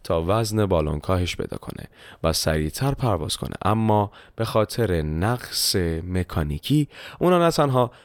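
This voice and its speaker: A man hosting a book-summary podcast, telling the story in a steady scripted narration and closing with a polite formal thanks. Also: lowish voice, no echo, studio quality.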